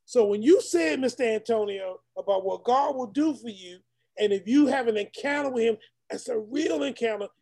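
A man's voice: very high-pitched, moderate pace, warm tone. A man, a deacon, telling a personal testimony to an online meeting in an earnest storytelling way, talking straight to the group.

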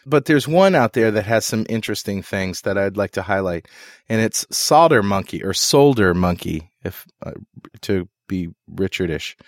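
Man, low voice, dry close sound, podcast co-host, casual chatty storyteller, lots of fillers. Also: moderate pace, dry recording. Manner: jokey storyteller, many fillers and restarts. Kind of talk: casual chat. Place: recording studio.

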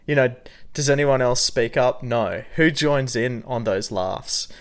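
A man's voice: medium pitch, unhurried. A young man co-hosting a podcast, chatting casually and laughing often as he tells stories. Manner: animated, laughs often, jokey. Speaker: podcast co-host. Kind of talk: casual chat.

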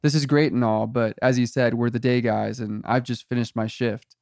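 A man's voice: mid-range voice, fairly even intonation, moderate pace, gravelly, a little mellow, no echo, studio quality, lightly acted. A man voicing a grouchy, impatient guard finishing his shift, talking curtly. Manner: curt and impatient.

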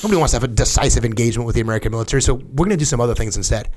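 Male co-host, quick delivery, frequent stammered restarts. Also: mid-range voice, a little mellow. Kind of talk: podcast discussion.

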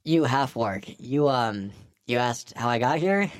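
A man's voice: medium pitch, animated, unhurried, no room sound, clean studio sound, lightly acted. A man voicing a friendly, polite young kraken in a tabletop game, talking casually and hesitantly. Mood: confiding. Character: friendly juvenile kraken, polite, needy, telepathic defector.

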